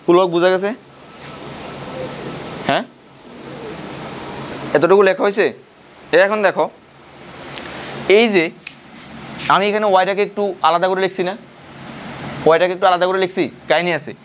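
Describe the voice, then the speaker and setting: High-voiced man tutoring in class. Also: fairly even intonation, normal speed, long pauses, a little hiss or hum. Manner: questioning students, repeating points. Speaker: physics tutor. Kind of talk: classroom lecture.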